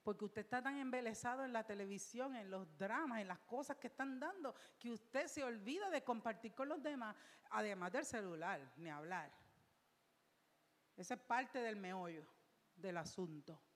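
A woman's voice: on the high side, expressive, normal speed, big-room sound. A woman pastor preaching a sermon in church, emphatic and repetitive, with rhetorical questions.

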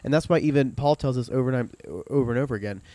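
A man from Ohio co-hosts a casual faith podcast, backing up his partner and stressing his points like a preacher. His mid-pitched voice is recorded close and dry. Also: fast, dark tone, no room sound. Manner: affirming, preacherly emphasis. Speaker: podcast co-host. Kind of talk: casual ministry discussion.

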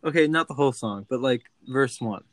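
A man's voice: mid-range voice, fairly quick, no room sound, low-quality recording. A man co-hosting a podcast in casual banter, playful and laughing as he coaxes his co-host. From outside the United States.

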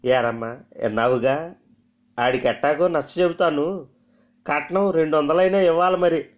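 A man's voice: on the high side, moderate pace, voice pushed up, lightly acted. A man voicing a grasping middle-aged village mother who drawls and nags while haggling over a dowry. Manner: drawling, nagging.

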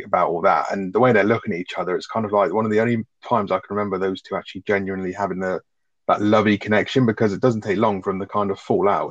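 A man with a low voice, talking fast and with strong opinions in a relaxed recap chat. He swears freely. The recording sounds dull and dry, with no room in it. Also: dry recording. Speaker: podcast co-host.

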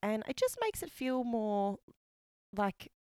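A woman's voice: a little high, very animated, slow pace, darkish tone, clean tone, no room sound, clean studio sound. A woman co-hosting a podcast in casual chat, talking loosely, trailing off and laughing easily. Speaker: podcast co-host.

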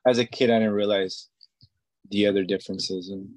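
A man's voice: lowish voice, fairly even intonation, normal speed, a little mellow, dry recording. A man in his forties from Israel, a tattoo artist, talking casually in an interview and rambling with many fillers and restarts. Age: 40s.

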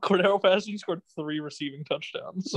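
A man's voice: sits high, unhurried, slightly rough, dry recording, rough recording. A young man hosting a casual sports podcast, rambling with restarts and laughing often. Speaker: podcast host.

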